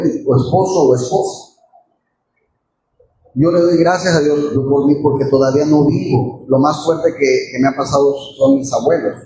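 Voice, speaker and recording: A man's voice: fairly high pitch, warm tone. A man preaching a sermon, telling a story with feeling and asking the congregation rhetorical questions. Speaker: pastor. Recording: very echoey church with faint room noise.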